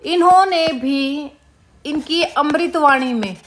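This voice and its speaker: A woman's voice: high-pitched, slow pace, slight background noise. A woman teaching an exam-prep lesson, repeating key words and quizzing her students with questions. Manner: calls students "beta".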